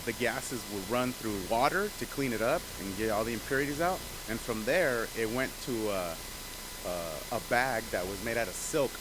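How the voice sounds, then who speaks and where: A man chats casually as a channel host, wandering through his points with fillers, restarts and asides. His voice sits at an ordinary middle pitch. A steady hiss runs under the recording. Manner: loose, rambling, lots of fillers and restarts. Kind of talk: casual chat. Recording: hissy background noise.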